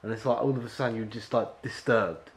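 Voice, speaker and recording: A man's voice: fairly low pitch, steady tone, a little fast. A man directing an actor at an audition, rambling and full of fillers as he explains the scene. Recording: echoey room with faint ambience.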